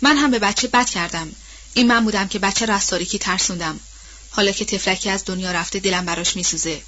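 A troubled old house servant, voiced by a woman narrator at a middling pitch. She talks plainly and colloquially, full of guilt, in an audiobook. The audio is a little dull and lo-fi. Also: fairly bright tone, natural voice. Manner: plain-spoken, colloquial storytelling. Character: older female house servant, anxious and guilt-ridden.

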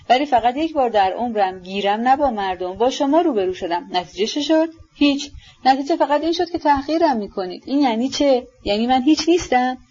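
A man's voice: very high-pitched, darkish tone, pitched above the performer's own voice. A woman voicing a despairing young man dying of consumption, pleading and self-pitying, in an audiobook reading on a dull lo-fi recording.

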